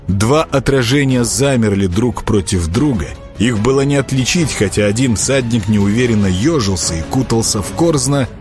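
A man narrating an audiobook in an expressive, animated reading. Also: medium pitch. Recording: narration with faint music behind.

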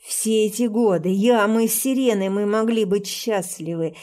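A woman voicing an obsessive, violent young man in an audiobook, who shouts accusations and then turns softly menacing. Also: mid-range voice, moderate pace, close to an everyday voice. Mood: raging.

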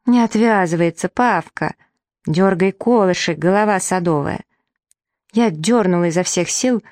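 A woman narrating a children's audiobook in the first person, lively and acting out the dialogue. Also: on the low side, dry recording, studio quality. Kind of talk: children's story reading.

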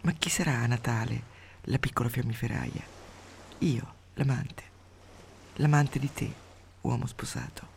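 A lonely, bitter woman who loves a married man, voiced by a man, speaks in a soft, hushed, mournful way. Her voice is gravelly and mid-pitched, in a radio story reading. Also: fairly even intonation, unhurried, pauses often, slight background noise.

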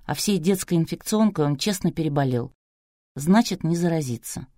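A woman narrating a novel in an even, measured way. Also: deep voice, no echo, studio quality. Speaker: audiobook narrator. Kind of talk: scripted narration.

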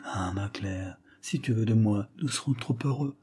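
A man reading aloud, voicing a shy, earnest young suitor who speaks low and hesitantly. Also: fairly even intonation, moderate pace, dark tone, breathy edge, close to an everyday voice.

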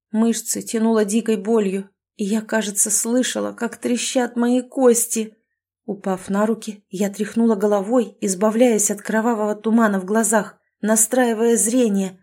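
A woman reading a dark fantasy story aloud in the first person, with an expressive, intense delivery. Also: medium pitch. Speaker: audiobook narrator.

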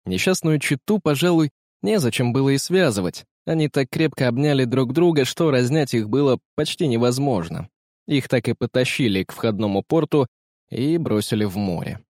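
Man reading an audiobook, steady, mid voice, super dry. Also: mid-range voice, normal speed, no echo. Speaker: narrator. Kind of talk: scripted audiobook narration.

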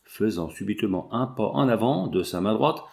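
A man reading a novel aloud in measured, steady audiobook narration. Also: lowish voice, creaky.

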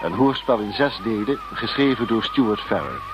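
A man's voice: on the low side, animated, moderate pace, background noise. A man announcing a radio drama's titles in a scripted style. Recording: dull band-limited radio recording, loud music. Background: loud music.

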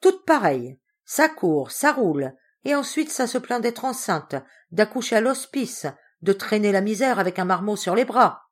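A woman voicing a harsh, scornful spinster mistress of the house who speaks in a sharp, cutting way. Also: medium pitch, expressive, normal speed, hardly any pauses, voice pushed up, close to an everyday voice.

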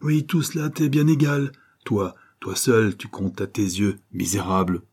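A man's voice: lowish voice, lively intonation, a little slow, darkish tone, husky, exaggerated voice. A man reading as a wrathful old ex-convict. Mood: accusing. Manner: thundering, accusing. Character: stern wrathful former convict man, older. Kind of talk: audiobook reading.

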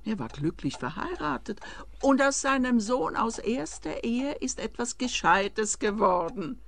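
Old grieving mom in a radio play, crackly voice, drawn out and emphatic. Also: female voice, fairly high pitch, big pitch swings, measured pace, creaky, heavily acted. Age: 70s. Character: grieving, insistent mother of nearly eighty. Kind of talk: scripted radio play acting.

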